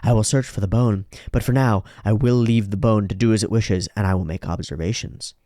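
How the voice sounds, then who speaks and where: A man voicing a cold, menacing male spirit in a manga reading, speaking slowly and low in a commanding way. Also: dark tone, no room sound, studio quality, natural voice. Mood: calculating.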